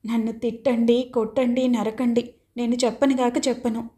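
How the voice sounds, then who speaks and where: A woman's voice: a little high, level tone, moderate pace, mellow, natural voice. A woman voicing a tearful young woman in an audiobook who stubbornly refuses to answer.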